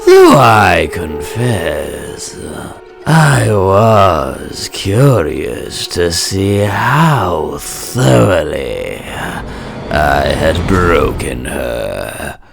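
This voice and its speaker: Brooding and gloating, this menacing supervillain in a comic dub is fixated on fear and vengeance. The male voice actor's gravelly, exaggerated delivery is very animated and theatrical, with wide pitch swings, and he lingers deliberately on the menace while orchestral music plays behind him.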